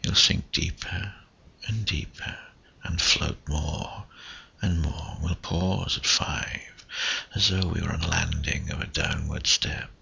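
A man speaking in a breathy, intimate whisper right in the listener's ear, coaxing and hypnotic, in the style of sensual relaxation audio. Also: sharp tone, muffled recording. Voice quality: breathy, husky, gravelly low voice. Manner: slow, coaxing, hypnotic delivery with short phrases.

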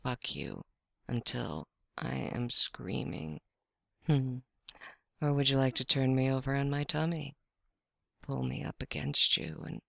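Slow, gravelly, seductive woman, close and dry. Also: extremely low pitch, pushed and bright, no echo. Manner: slow, teasing, seductive, drifting into whispers. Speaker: erotic audio performer. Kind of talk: intimate scripted audio roleplay.

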